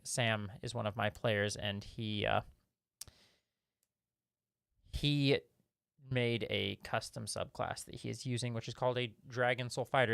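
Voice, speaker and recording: A man hosts a relaxed live-stream Q&A with a gravelly, fry-tinged voice. He rambles through viewer questions with fillers and restarts, recorded close and dry with no room sound. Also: mid-range voice, no room sound.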